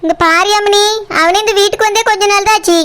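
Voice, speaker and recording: A woman's voice: very high voice, steady tone, quick pace, fairly bright tone. A woman voicing a stern, controlling older female relative in a cartoon, scolding with a Kanyakumari Tamil accent. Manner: scolding, commanding. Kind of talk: cartoon voice acting.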